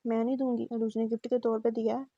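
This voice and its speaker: A woman's voice: a little high, level tone, fast talker, dark tone, dry recording. A woman voicing a cheeky teenage sister. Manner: cheeky, offhand. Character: teasing teenage girl, the hero's cheeky sister. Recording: dull muffled recording.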